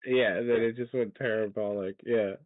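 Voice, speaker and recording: A man's voice: fairly low pitch, fairly even intonation, normal speed, slight background noise. A man in a casual group chat about trading, laughing often, swearing and exclaiming. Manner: giggly, swears a lot, exclaims. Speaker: crypto trader in group call. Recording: tinny online voice call.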